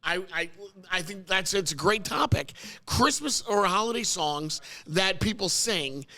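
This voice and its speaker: A male podcast host banters with his co-host on a casual talk show recorded at a car service center. He speaks unhurriedly while losing his voice, gets excitable, and his pitch jumps up when he argues.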